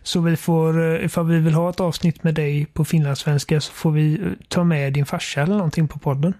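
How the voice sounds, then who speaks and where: A young man with a fairly high-pitched voice co-hosting a relaxed chat podcast. He is playful and teasing and laughs often. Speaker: podcast co-host. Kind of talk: casual chat.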